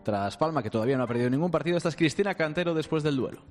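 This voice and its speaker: A man co-hosting a sports radio show, briskly reading out news and club statements. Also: a little high, lively intonation, long reverb tail, faint music behind. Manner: brisk, reads statements aloud.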